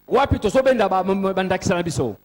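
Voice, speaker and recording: Fast high-voiced male church interpreter. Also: expressive, a little mellow. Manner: rapid, echoes each phrase right after the preacher. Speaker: sermon interpreter. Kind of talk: live interpretation of a sermon.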